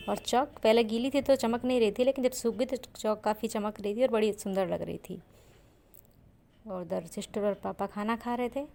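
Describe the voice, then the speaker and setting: A young woman vlogger talks through her video in a soft, chatty voice-over. Her pitch sits in the middle range, and faint noise hums behind her. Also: vocal fry. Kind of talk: vlog voice-over narration.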